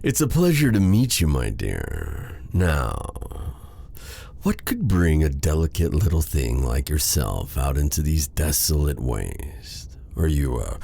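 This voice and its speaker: A man playing a sly, menacing, seductive dark sorcerer in an ASMR fantasy roleplay, with a breathy, gravelly voice and a theatrical, teasing, silky delivery. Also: rumbling low, big pitch swings, slow pace, exaggerated voice. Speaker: voice actor.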